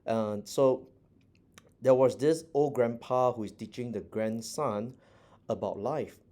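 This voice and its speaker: A man's voice: medium pitch, slow pace, darkish tone. A middle-aged man teaching a motivational class, earnest and repetitive with many fillers. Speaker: teacher and business mentor.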